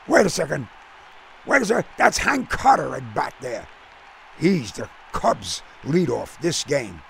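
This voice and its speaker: A man voicing an excitable, blunt baseball fan who explains the game impatiently, in a storybook reading. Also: a little high, a little slow, vocal fry, a faint crowd, slight background noise, pitched above the performer's own voice, heavily acted. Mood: explaining, impatient. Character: brash, excitable baseball-loving American man.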